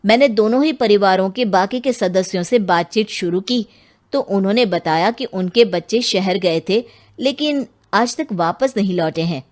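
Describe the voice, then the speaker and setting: In Hindi cartoon voice acting, a woman with a natural, mid-range, slightly mellow voice plays a dutiful male police inspector. At a moderate pace, he asks earnest, polite questions and addresses others as sir.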